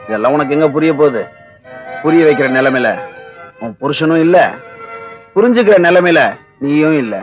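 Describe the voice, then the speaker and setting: An actor gives voice to a village brother who pleads from the heart. His voice sits a little high and comes through a muffled old film track with a score playing low under it. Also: normal speed, long pauses, close to an everyday voice. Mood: earnest. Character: village man, drunkenly worried brother. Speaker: husband and elder brother in a film. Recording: dull old film soundtrack with music.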